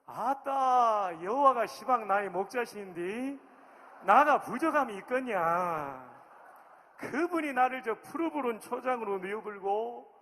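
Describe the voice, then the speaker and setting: A man's voice: very high-pitched, gravelly, fairly bright tone, slight background noise, voice pushed up, full character voice. A man putting on a thick Jeolla dialect to recite a psalm as an exuberant local man, drawing out his exclamations in a sing-song way. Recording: long hall reverb.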